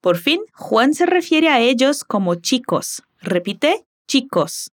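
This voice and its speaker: A woman whose first language is Portuguese leads a Spanish lesson with a fairly high, very lively voice that rises and falls widely. She models each word slowly and carefully, then asks the listener to repeat after her. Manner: slow, careful modeling of words. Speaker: Spanish teacher.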